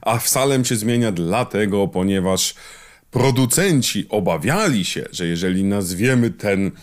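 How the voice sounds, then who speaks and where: A man's voice: on the low side, expressive, a little slow. Wry man co-hosting a film podcast. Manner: wry, ironic banter. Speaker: podcast co-host. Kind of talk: casual film podcast chat.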